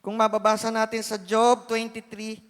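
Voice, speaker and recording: High-voiced man preaching in a reverberant hall. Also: monotone, moderate pace, clear, resonant tone. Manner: earnest, swings between loud pleading and hushed asides. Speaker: church speaker giving testimony. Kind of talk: emotional sermon testimony.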